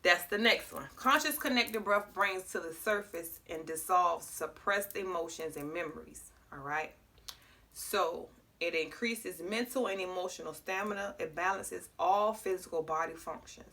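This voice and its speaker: A woman's voice: on the low side, moderate pace, bright, forceful tone. A woman teaching breathing exercises in a casual, direct way, often checking in with viewers. She is a little congested and sounds slightly clogged. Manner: talks straight to viewers, checks in with frequent "okay?". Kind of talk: casual guided breathing lesson.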